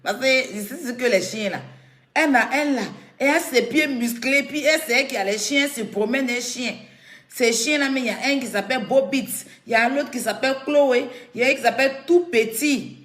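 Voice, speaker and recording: A woman's voice: high voice, a little fast, fairly bright tone. A woman, giving casual, teasing commentary to camera and laughing often. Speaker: blogger commenting on a feud. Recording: echoey room.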